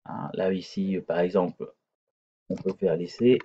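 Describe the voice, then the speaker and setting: A low-voiced man talks through a coding lesson over his screen, hesitating often and restarting his sentences. His voice is dark and a little husky. The recording is dull and lo-fi. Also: unhurried. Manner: hesitant, many fillers and restarts. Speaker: teacher.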